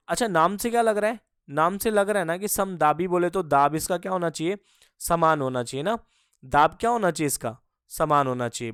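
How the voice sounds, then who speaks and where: A medium-pitched, fairly bright and smooth voice carries this physics lesson, recorded dry with clean studio sound. Lecturing as in a classroom, the teacher repeatedly asks and answers his own questions, says each key term more than once, and addresses the students as kids.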